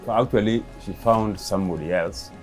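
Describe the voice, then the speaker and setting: Man, fifties, very low voice, hesitant with lots of uh, music underneath. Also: darkish tone. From Kenya. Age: 50s. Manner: halting, many pauses and fillers. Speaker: interviewee, father of the late comedian. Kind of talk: hesitant interview answers.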